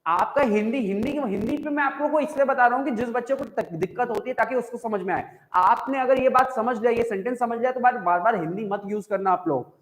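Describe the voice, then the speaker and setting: A high-pitched man with an Indian accent teaches English grammar to an online class, repeating each point and checking whether students follow. His voice rings in an echoey room with a long reverb. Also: quick pace, few pauses. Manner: explains by repeating and asking the class questions. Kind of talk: live online class in Hindi-English mix.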